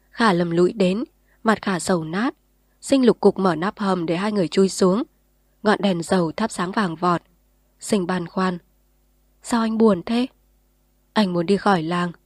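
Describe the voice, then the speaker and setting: Woman storyteller, measured novel reading, mid pitch, dry close sound. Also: fairly even intonation, a little mellow, dry recording. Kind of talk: scripted narration of a novel.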